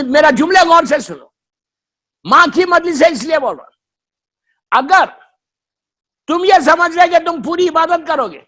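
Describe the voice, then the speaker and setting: A male cleric delivers a fervent sermon in a strikingly high, forceful voice. He hammers his points through repetition, drops into English phrases and often climbs to a shout. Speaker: Shia cleric giving a memorial majlis. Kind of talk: impassioned sermon.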